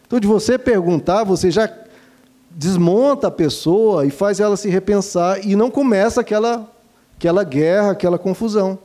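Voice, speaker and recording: High, mellow-voiced man advising parents. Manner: gentle and didactic, calls listeners "dear ones". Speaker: father giving parenting advice. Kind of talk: earnest advice talk to listeners.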